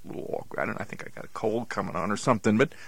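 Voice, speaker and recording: A man's voice: lowish voice, racing, slightly rough, no room sound. A man playing the incredulous, exasperated straight man in a scripted radio comedy dialogue.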